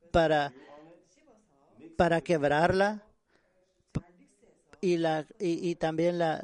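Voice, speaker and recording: Earnest higher-voiced male preacher. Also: darkish tone. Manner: earnest, halting, repeats and restarts words. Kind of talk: sermon on prayer.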